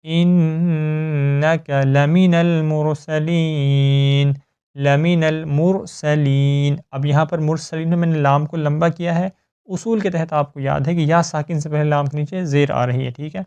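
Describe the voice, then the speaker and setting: Male tajweed tutor, clear resonant voice, slightly high, methodical and patient. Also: steady tone, darkish tone, dull audio. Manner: patient, explains step by step, checks with "ok?". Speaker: Quran recitation teacher. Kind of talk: tajweed lesson with slow recitation.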